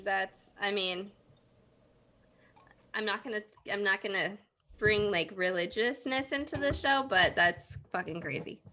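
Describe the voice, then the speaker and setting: A woman's voice: mid-range voice, a little slow, pushed and bright, slight background noise. A young woman co-hosting a podcast over a video call, chatting casually and swearing bluntly. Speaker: podcast co-host. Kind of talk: casual chat.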